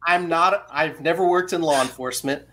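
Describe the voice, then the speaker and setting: A man co-hosting a casual podcast. He talks in a loose, rambling way and drops dry, deadpan jokes. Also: on the high side, brisk. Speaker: podcast co-host. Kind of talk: casual chat.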